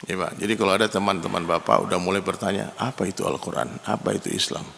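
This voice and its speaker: A man delivers a sermon with a gravelly, forceful voice. He tells stories in a lively way and keeps turning to speak straight to the men listening. His voice carries a long reverb, as if he were preaching in a spacious hall. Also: deep voice, fast talker, a little hiss or hum. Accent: Indonesian. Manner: lively storytelling, addresses the men in the audience as "Pak".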